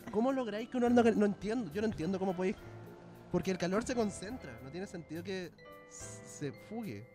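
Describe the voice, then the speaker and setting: A man's voice: high voice, a little fast, soft background music. A young man with a Chilean accent, co-hosting a casual podcast, telling comic stories with lots of slang and laughter. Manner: slangy, laughs often, animated retelling. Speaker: podcast co-host, comedian. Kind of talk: casual chat, comic storytelling.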